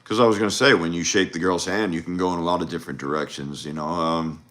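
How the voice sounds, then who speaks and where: Deep-voiced man rambling on a livestream. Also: steady tone, fast, fairly bright tone. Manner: loose, rambling, with frequent fillers and restarts. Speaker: dating coach. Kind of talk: casual livestream talk. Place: home livestream.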